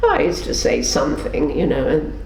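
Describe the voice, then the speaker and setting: Speaking at a normal speed with a gravelly, darkish tone, this older woman is very animated as she recounts her past for an oral history interview. She voices the characters in her stories through pitch changes. Faint background noise sits in a roomy-sounding recording.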